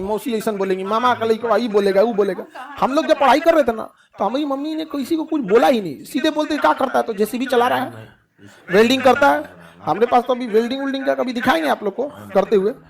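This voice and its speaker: A man's voice: very high-pitched, gravelly. A middle-aged man with a Bihari Hindi accent, giving students folksy advice in a classroom lecture and answering his own questions. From Bihar, India. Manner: asks the class questions and answers them himself; folksy, joking, colloquial. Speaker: teacher.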